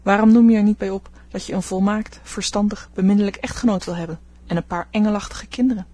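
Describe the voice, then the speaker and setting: A woman reading an audiobook, voicing an outspoken, restless teenage girl who dreams of fame, with a slightly husky voice. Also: medium pitch, fairly even intonation, fast talker, mellow, no room sound, natural voice. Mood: eager. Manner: eager, outspoken.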